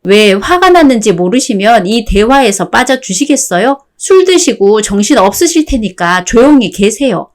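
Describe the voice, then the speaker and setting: A woman playing a fed-up wife in a radio drama, calm, sarcastic and firm. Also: fairly high pitch, moderate pace, few pauses. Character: fed-up wife, cool and cutting.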